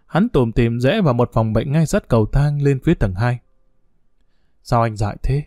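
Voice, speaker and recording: A man narrating a story in a steady storytelling manner. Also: medium pitch, fairly quick, no room sound, studio quality.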